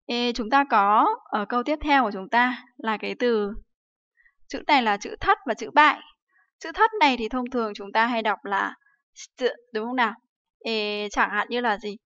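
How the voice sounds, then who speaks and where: A Vietnamese woman teaches Japanese during a livestream lesson, leaning on rhetorical questions and plenty of fillers. Her voice is on the high side and fairly bright, moving at a normal speed. The livestream audio is dry and a little dull.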